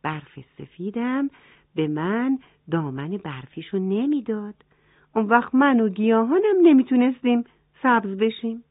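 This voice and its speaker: A woman reading a children's story in a gentle way, speaking to the children directly. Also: on the high side, animated, no room sound. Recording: tinny phone-like dry sound.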